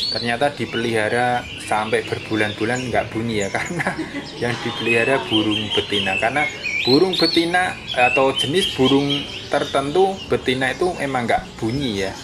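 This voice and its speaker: A man's voice: medium pitch, normal speed. A man, chatting casually as a bird-keeping vlogger and explaining while he films outdoors with a phone. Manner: friendly, chatty, keeps saying "friends" with a dropping tail. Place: outdoors by bird cages on paving. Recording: phone audio with clear background noise.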